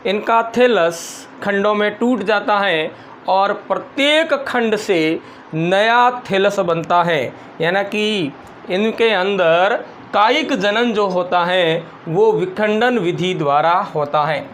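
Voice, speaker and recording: A man with a high voice teaches a school biology class at an unhurried pace, repeating each phrase so students can copy it. A soft hum of air conditioning and distant traffic sits behind him. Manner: slow, repeats phrases for dictation. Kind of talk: school biology lesson, dictating notes.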